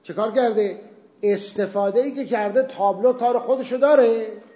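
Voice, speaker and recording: A teacher of Islamic legal theory gives a seminary lecture with class discussion, patiently explaining a point through everyday examples and asking and answering his own questions. His voice is high with a dark tone, heard in an echoey room.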